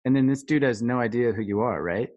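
A male podcast host speaks at an ordinary middle pitch, asking his guest casual, curious questions. He sounds conversational and easygoing. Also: fast, darkish tone. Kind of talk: casual interview.

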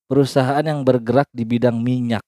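A man's voice: mid-range voice, fairly even intonation, a little fast, dark tone, no echo, studio quality, natural voice. A man improvising the role of a condescending, dismissive HR interviewer. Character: dismissive male HR interviewer at an oil company.

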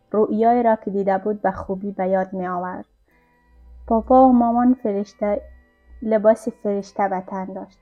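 A woman reading a literary novella aloud as an audiobook narrator, in a calm, even storytelling manner. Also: medium pitch. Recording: dull lo-fi recording with faint music.

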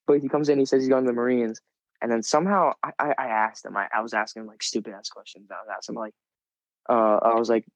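A man's voice: medium pitch, fairly even intonation, fast talker, no echo, rough recording. A teenage boy co-hosting a podcast, telling a long rambling story full of fillers and restarts. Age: teens. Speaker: podcast co-host. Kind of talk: casual chat.

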